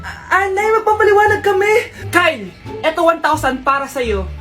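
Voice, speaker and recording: A woman's voice: extremely high pitch, big pitch swings, moderate pace, music in the background. A woman performing comedy skits, playfully switching between character voices. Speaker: comedy skit creator. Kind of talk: comedy skit acting.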